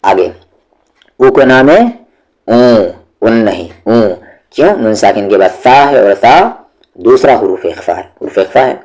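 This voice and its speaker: A man leads a step-by-step tajweed lesson, his voice sitting low. He talks very slowly, stretching each syllable as he drills it with patience. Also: expressive, darkish tone. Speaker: Quran recitation teacher.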